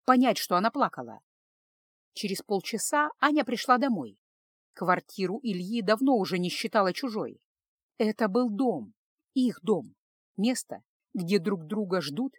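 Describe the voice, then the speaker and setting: A woman's voice: mid-range voice, slightly rough, no echo. Woman narrating a romance audiobook, dry close voice. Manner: steady, emotive storytelling.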